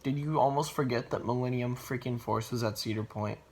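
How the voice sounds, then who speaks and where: A man's voice: medium pitch, a little fast. A man hosting a casual chat, chiming in with dry, teasing remarks. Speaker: channel host.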